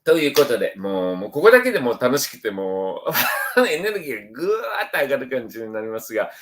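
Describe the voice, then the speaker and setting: A middle-aged man with a lilt hosts a casual livestream as a spiritual counselor. His speech swings widely in pitch and jumps up brightly whenever he reads out a viewer's name. He stays chatty and upbeat throughout. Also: very animated, quick pace, slight background noise. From Osaka, Japan. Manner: chatty and upbeat, voice jumps up when reading out names. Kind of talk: casual livestream chat reading viewer comments.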